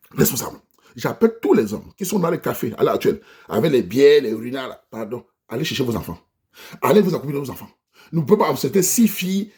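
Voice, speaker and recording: A man with a Cameroonian French accent delivers a heated vlog rant, urging his listeners directly. His voice is rough and husky, sitting a little high, and his pitch swings widely as he lectures. He talks fast and preaches without letting up. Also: a little mellow. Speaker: vlogger addressing his diaspora audience. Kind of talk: impassioned monologue rant.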